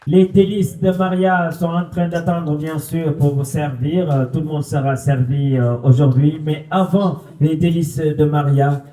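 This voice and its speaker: Guy acting party mc in a drama, genial, pauses a lot, higher male voice, dry close sound. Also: steady tone, dark tone, no room sound, lightly acted, rough recording. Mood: inviting. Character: genial master of ceremonies at a family celebration.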